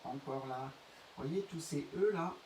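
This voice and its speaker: A man's voice: on the high side, darkish tone. Patient male teacher in a roomy space. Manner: slow, careful, stretching out example words. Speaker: primary school teacher. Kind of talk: reading lesson for young pupils. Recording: roomy, distant mic, faint hiss.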